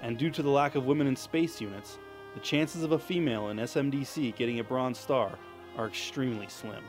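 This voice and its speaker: A man's voice: medium pitch, a little fast. Male feature reporter over prominent music. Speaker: military public affairs reporter. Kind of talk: scripted news feature narration.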